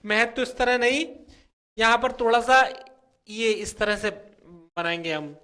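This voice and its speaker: A young male teacher with a high, bright voice talks at an unhurried pace, working through spelling questions for exam students. He stretches key words out slowly and keeps checking in with a quick "okay" before moving on. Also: clean tone. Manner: repeats words slowly and drawn out, fills with "theek hai". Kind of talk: explaining spelling questions from a whiteboard.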